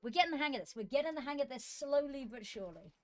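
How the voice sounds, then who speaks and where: Her voice high and expressive, a woman who streams esports races through casual chatter as she fixes her setup for a live stream. Long hours of streaming have left it worn, and she often trails off into muttering to herself. A desk microphone picks her up.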